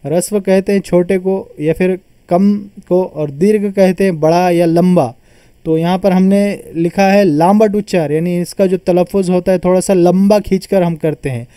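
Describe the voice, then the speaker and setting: A male teacher gives a patient grammar lesson, sounding out each term and repeating it. His voice is very dark and mellow yet smooth, fairly high for a man, and recorded close and dry. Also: steady tone, normal speed, no echo. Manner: patient explaining, repeats terms and sounds them out.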